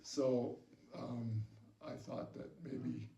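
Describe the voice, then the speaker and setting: Old vet guy remembering the war, slow halting pauses, dark mellow voice, echoey room far from the mic. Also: medium pitch, steady tone, vocal fry, dull audio. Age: older. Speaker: war veteran being interviewed. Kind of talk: recounting wartime memories in an interview. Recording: distant mic, roomy echo, background noise.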